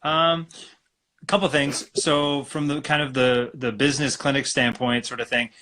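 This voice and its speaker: A man from Alberta, Canada, talking as a guest acupuncturist in a relaxed, rambling way over a video call. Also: medium pitch, normal speed. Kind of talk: casual live-stream interview.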